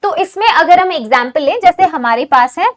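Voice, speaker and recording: Woman, high voice, chemistry teacher, online lecture, mixes Hindi and English, keeps asking if it's clear. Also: lively intonation, moderate pace. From India. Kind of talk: online exam-prep lecture.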